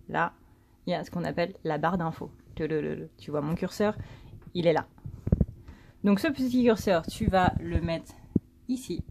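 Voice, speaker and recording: A woman's voice: fairly low pitch, darkish tone, a little hiss or hum. A woman giving a casual, rambling tarot reading, full of fillers and self-corrections. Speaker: tarot card reader.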